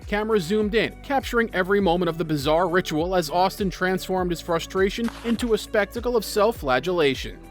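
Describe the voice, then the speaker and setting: High-pitched male narrator over music. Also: animated, a little fast, hardly any pauses. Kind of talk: scripted video narration.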